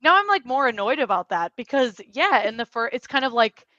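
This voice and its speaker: A woman's voice: fairly high pitch, very animated, a little fast, sharp tone, no room sound. A young American woman co-hosting a podcast, chatting casually with rambling asides and frequent laughs. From United States. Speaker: podcast co-host. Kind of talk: casual chat. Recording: slightly dull lo-fi audio.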